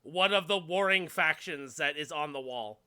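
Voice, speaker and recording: A man's voice: a little high, normal speed, pushed and bright, clear, resonant tone. A man acting as game master, narrating a tabletop role-playing session in casual talk.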